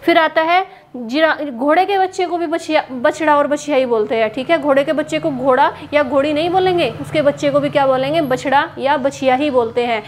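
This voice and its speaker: A woman's voice: high-pitched, a little fast, slight background noise. A woman teaching an exam-prep lesson, asking a question and answering it herself, standing in a small room. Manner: repeats questions and answers for drilling. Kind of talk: classroom lesson. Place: hot room without a fan, standing.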